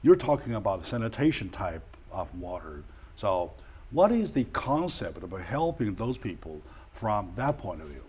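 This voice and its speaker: A deep-voiced male talk show host who stops and restarts often and leans on fillers as he searches for words. A faint hiss sits under his voice. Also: big pitch swings, dark tone. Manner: halting, many fillers and restarts. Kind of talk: casual interview.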